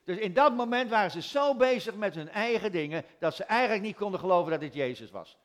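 A man's voice: sits high, expressive, fast, fairly bright tone. A man preaching a sermon in a church, retelling stories conversationally with rhetorical questions.

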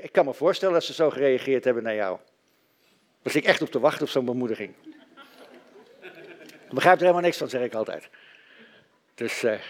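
Dutch-speaking male pastor, preaching. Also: fairly high pitch. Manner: storytelling preacher, dry self-mocking humor. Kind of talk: sermon.

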